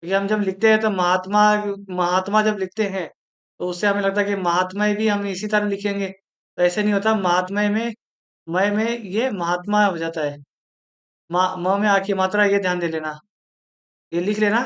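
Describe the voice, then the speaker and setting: High-voiced man teaching Hindi spelling. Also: steady tone, a bit bright, muffled recording. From India. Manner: explains slowly, repeating each word. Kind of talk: exam-prep lesson.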